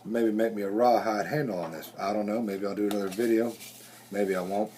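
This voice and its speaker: A man's voice: on the low side, animated, fairly quick, heavy background noise. A man rambling folksily through a casual bushcraft workshop vlog. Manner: rambling, folksy, self-correcting. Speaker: bushcraft vlogger.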